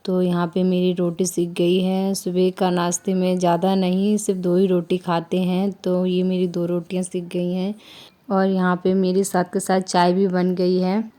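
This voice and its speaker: A young woman from India, a mother, calmly narrating her household routine in a steady, explanatory way that often repeats itself. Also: lowish voice, moderate pace. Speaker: vlogger mother. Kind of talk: calm voice-over narration of a home routine.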